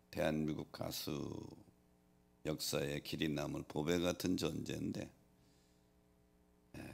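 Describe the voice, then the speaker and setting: Male pastor, low gravelly voice, preaching with loud emphatic scripture quotes and soft asides. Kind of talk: sermon.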